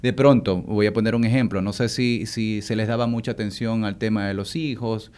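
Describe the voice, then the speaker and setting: A man's voice: on the low side, steady tone, moderate pace, a little mellow, clean tone. A man co-hosting a talk radio show, asking long questions with many restarts. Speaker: co-host.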